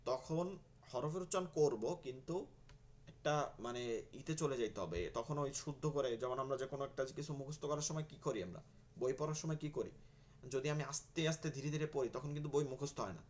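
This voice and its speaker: A man with a mid-range voice, talking a little fast, conducts an online Quran reading lesson. He repeats the letters to drill his students and answers his own questions as he goes.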